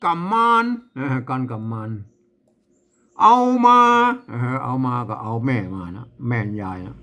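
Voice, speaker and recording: A man teaching Lanna language, who chants verse lines high and loud, then explains them softly with small laughs. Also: animated, moderate pace. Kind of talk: reading and explaining a verse text.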